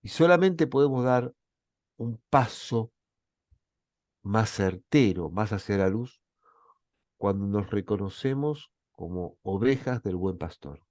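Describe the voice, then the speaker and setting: A man's voice: fairly low pitch, animated, slow pace, pauses often, darkish tone, no echo, clean studio sound. A man with an Argentine accent giving a reflective Bible lecture as a professor, often checking in with his listeners. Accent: Argentine Spanish.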